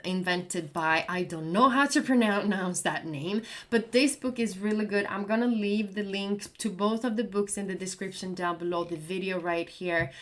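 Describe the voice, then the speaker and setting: A crypto trading YouTuber, a woman whose first language is Swedish and who has a Swedish accent, talks to camera casually and earnestly, giving recommendations, encouraging viewers and repeating herself. Her voice is medium-pitched at normal speed with few pauses.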